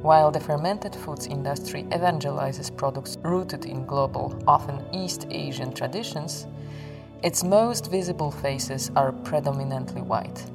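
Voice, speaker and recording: Low-pitched female podcast host, earnest scripted intro, music playing loud underneath. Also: a little slow, vocal fry.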